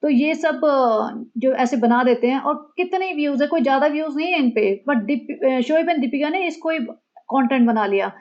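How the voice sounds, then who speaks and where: A woman's voice: sits high, moderate pace. A woman giving chatty, sarcastic gossip commentary, recorded with a dull, lo-fi sound. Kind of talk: casual commentary.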